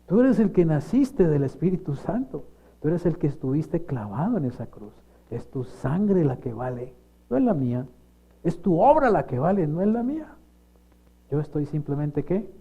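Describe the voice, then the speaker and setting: A middle-aged man, a pastor preaching a sermon and putting lively questions to the congregation. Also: on the high side, moderate pace, husky, muffled recording. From Colombia.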